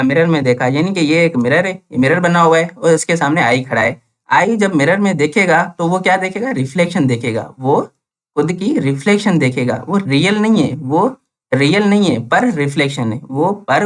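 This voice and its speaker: A man's voice: on the high side, lively intonation, normal speed. A young man teaching English grammar in Hindi with Urdu words, repeating each point and asking questions that he answers himself. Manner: repetitive, asks questions and answers them himself. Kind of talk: classroom-style lesson.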